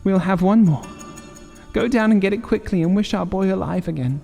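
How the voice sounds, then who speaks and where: Storybook role: desperate, grieving elderly wife male reader, raised pitch, feverish and pleading, music behind. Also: moderate pace, creaky, mellow, long reverb tail. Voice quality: breathless, trembling. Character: frantic grieving old woman, desperate wife and mother.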